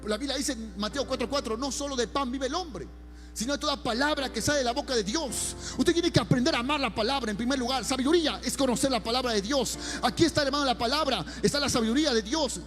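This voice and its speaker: A man's voice: extremely high pitch, quick pace, a bit bright, faint music behind. A man preaching a sermon as pastor, calling listeners brother and building emphasis.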